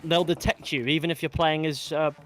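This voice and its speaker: A man's voice: a little high, flat delivery, a little fast, a bit bright, faint music behind. A man chatting casually and swearing as co-host of a gaming stream. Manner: sweary, questioning banter. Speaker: podcast co-host. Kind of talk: casual chat.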